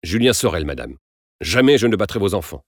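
A man's voice: sits low, big pitch swings, brisk, no room sound, heavily acted. Sullen, proud teenage youth, read by a male narrator; curt, cold replies. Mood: stiff. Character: proud, sullen young man of eighteen.

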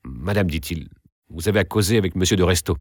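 A man's voice: sits low, animated, fast, dry recording, studio quality. A man reading aloud and voicing an earnest, somewhat awkward young provincial student in a near-natural voice. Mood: hesitant.

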